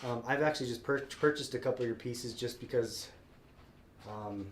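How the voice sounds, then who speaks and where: A live shop stream host, congested with a cold, chats casually in a friendly, rambling manner with frequent fillers and restarts. His medium-pitched voice moves at a moderate pace, with faint background noise behind it.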